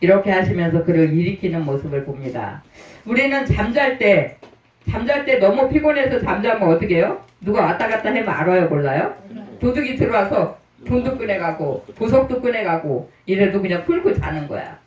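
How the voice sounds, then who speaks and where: A man's voice: high-pitched, animated, fairly quick, muffled recording. A male pastor delivering a sermon in a reverberant church sanctuary, heard from a distance. He retells the story and keeps turning to the congregation with rhetorical questions. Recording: roomy church, mic at a distance.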